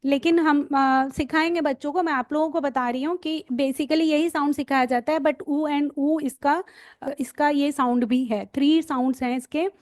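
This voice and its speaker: With a high, slightly mellow voice and fairly even intonation, a woman gives a phonics lesson aimed at parents and teachers. The studio-quality recording has no echo as she elongates letter sounds and repeats them for copying.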